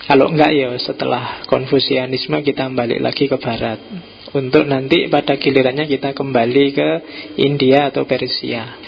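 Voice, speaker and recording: A man's voice: medium pitch, level tone, moderate pace, vocal fry, muffled recording. A man with a Javanese accent giving an informal philosophy lecture to a study group, chatty and teasing, slipping Javanese words into his talk.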